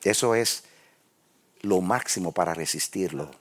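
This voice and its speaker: A man preaching a sermon, telling stories in an animated way that swings from quiet asides to shouting before a congregation. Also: deep voice, unhurried.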